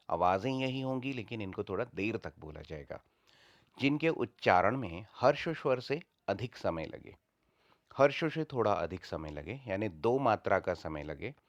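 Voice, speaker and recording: A man's voice: on the low side, no room sound, muffled recording. A man teaching a lesson, patiently repeating each point in several ways. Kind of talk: explanatory lesson.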